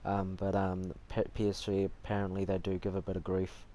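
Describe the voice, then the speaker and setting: A man with a broad Kiwi accent and a fairly low voice streams a game. His talk is casual and full of slang. There is faint noise behind him on a home gaming mic. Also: monotone, a little fast, dark tone. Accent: New Zealand. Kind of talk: casual live gameplay commentary.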